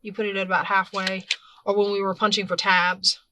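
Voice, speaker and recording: A woman's voice: medium pitch, level tone, brisk, background noise. A woman hosting a casual hands-on craft tutorial, chatting as she works and often correcting herself mid-sentence. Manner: chatty, talks while working, self-correcting. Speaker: craft video host.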